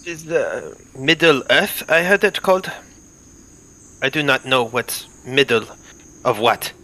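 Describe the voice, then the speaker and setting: A man playing a solemn adventurer who speaks in halting, broken phrases in a tabletop game. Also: mid-range voice, very animated, bright, forceful tone, heavily acted. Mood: earnest. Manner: halting, broken grammar, earnest.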